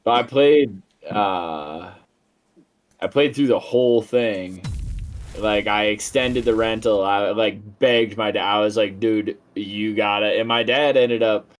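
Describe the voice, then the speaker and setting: A man's voice: lowish voice, slow pace. A young man streaming a game, talking in a rambling, enthusiastic way and swearing casually as he chats. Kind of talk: casual live-stream chat while gaming.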